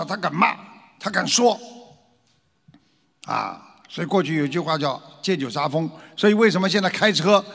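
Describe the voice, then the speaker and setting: A man giving a lecture to followers, asking rhetorical questions and acting out frightened voices. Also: high-pitched. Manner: animated, acts out scared voices and rhetorical questions. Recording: long hall reverb.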